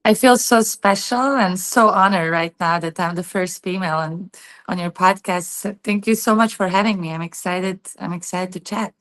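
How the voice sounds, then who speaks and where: A Bosnian woman in her thirties, a tennis player and coach, tells her story as a guest in a casual interview, sprinkling her speech with "like" and "you know." Her voice is on the low side and a little bright, at a normal speed.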